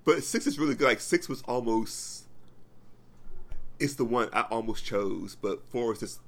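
A man with a gravelly, bright voice chats casually as a podcast co-host. He gets excited easily and swears freely. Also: medium pitch, a little slow. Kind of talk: casual chat.

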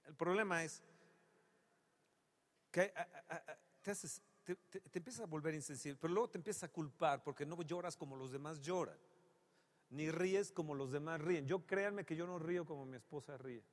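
A man preaching a sermon with a somewhat high voice, dropping to a hush one moment and rising to loud, emphatic exclamations the next. He tells stories with a humorous touch. A long reverb trails his words, as in a large church hall. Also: moderate pace. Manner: dramatic, swinging from hushed to loud exclamations; humorous storytelling.

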